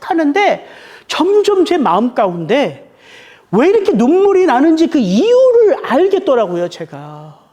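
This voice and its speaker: Animated Korean pastor preaching slowly. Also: male voice, very high voice, muffled recording. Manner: emotional preaching, slowing down on key words. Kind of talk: sermon.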